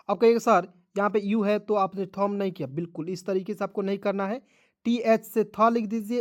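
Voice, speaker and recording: In a video lesson on English pronunciation, a man with a high, slightly mellow voice drills each rule over and over. He speaks to his viewers as though they were friends.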